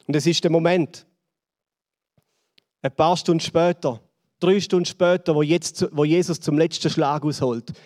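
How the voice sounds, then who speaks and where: A man with a Swiss German accent preaching a sermon, building dramatically and then dropping to hushed lines. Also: fairly even intonation, measured pace, pauses often, big-room sound. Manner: dramatic, swells and drops in pitch and volume. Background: band playing softly.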